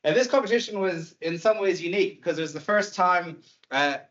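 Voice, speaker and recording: Speaking with an Irish accent, this thirty-something lecturer from Ireland presents an online university talk casually, joking lightly and using many fillers. His voice sits high, brisk and a bit bright, in a muffled recording.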